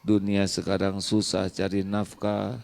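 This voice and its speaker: A man voicing a meek, apologetic wife who speaks softly and humbly. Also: level tone, a little slow, gravelly. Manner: soft, low, humble. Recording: long reverb of a large hall.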